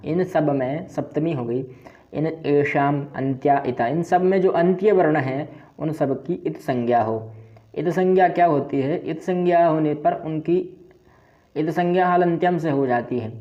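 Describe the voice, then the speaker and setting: A man giving a patient grammar lesson, spelling out sounds one by one in a slow, careful recitation. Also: a little high, highs cut off. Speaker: Sanskrit grammar teacher. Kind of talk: explanatory lecture.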